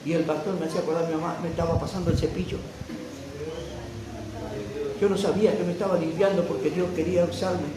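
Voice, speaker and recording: A man preaching a fervent sermon as pastor, rising to loud proclamation. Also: a little high, fairly even intonation, fast, long pauses, over a noisy crowd. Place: church hall. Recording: echoey church sound from a distant mic.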